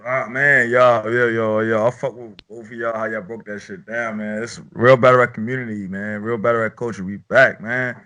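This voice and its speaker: A man's voice: mid-range voice, little pitch movement, moderate pace, hardly any pauses, sharp tone. A man hosting a casual chat about battle rap, loose and profane, often repeating himself as he rambles. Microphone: own podcast mic.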